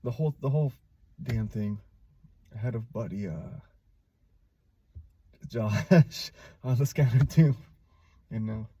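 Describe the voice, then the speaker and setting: A man recounting a painful personal memory in a somber, halting way, with many pauses and fillers. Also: medium pitch, warm tone, breathy edge, no room sound. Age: adult, a father. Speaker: vlogger. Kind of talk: personal recollection to camera.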